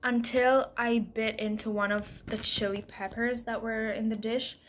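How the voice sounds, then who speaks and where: A woman's voice: on the high side, flat delivery, measured pace, a little hiss or hum. A young woman vlogger talking casually to a camera at arm's length indoors, complaining with lots of filler words and exaggeration. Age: young adult. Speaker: travel vlogger. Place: indoor room, close to camera.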